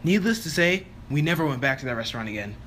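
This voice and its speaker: Young man, story-time vlog voice-over, slightly high-pitched, chatty, exasperated, full of "like", home recording. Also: very animated, fast talker. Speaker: YouTuber telling a story.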